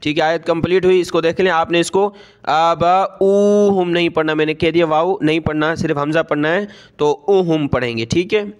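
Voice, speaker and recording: Slow, clear, high-voiced Urdu-accented teacher. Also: male voice. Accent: Pakistani Urdu. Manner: slow drawn-out recitation, quick spoken explanations. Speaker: Quran teacher. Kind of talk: spelled-out recitation lesson.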